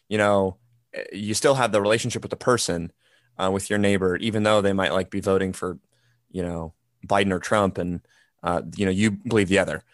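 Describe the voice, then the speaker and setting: Lively rambling man on a podcast. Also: low voice, no echo, clean studio sound. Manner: animated, rambling with many fillers. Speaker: podcast co-host. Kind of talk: casual podcast conversation.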